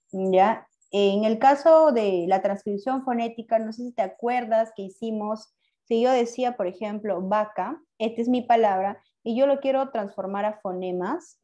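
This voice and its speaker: Profesora de lenguaje con voz cálida. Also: female voice, mid-range voice, dark tone, muffled recording. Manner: asks students questions and praises answers. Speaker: language teacher. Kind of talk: online class lesson.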